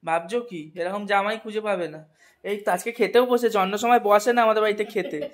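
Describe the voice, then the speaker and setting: A woman's voice: medium pitch, fairly even intonation, brisk, a little hiss or hum. A woman hosting a casual family vlog at a home meal, chatty and teasing as she talks to viewers. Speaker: vlogger host.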